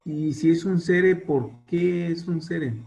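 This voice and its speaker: A man's voice: fairly high pitch, steady tone, takes it slowly, vocal fry, a little mellow. A man who is a student, politely asking his teacher a question in class and thanking him as "brother.".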